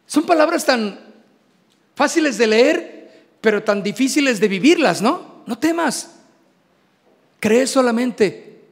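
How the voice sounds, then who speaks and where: Man, middle-aged pastor, animated sermon, gravelly voice, reverberant church hall. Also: very high voice, slow pace, long pauses. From Mexico. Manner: animated preaching, addresses congregation as brothers.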